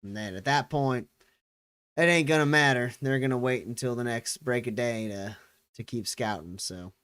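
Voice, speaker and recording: A man playing a folksy, world-weary, shrewd frontier character in a tabletop role-play, musing with pauses. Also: mid-range voice, a bit bright, clean tone, lightly acted. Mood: musing, calm. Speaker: tabletop role-play player or game master.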